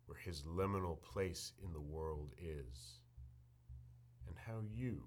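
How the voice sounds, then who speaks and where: A man leading a guided meditation in a soft, soothing, measured delivery. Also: rumbling low, slight background noise.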